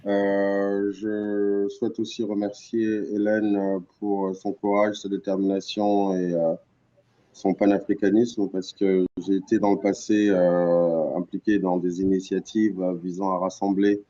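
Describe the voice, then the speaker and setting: A middle-aged man from Cameroon giving keynote remarks on an online panel, earnest and halting, full of fillers and restarts. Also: low voice, level tone, mellow, dull audio. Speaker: panel guest speaker.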